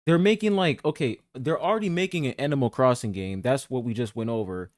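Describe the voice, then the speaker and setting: A man's voice: mid-range voice, brisk, no room sound. Exasperated gaming commentator, a man. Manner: exasperated, swears and stutters, talks to viewers as "guys". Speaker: gaming commentator reacting to a video. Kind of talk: casual reaction commentary.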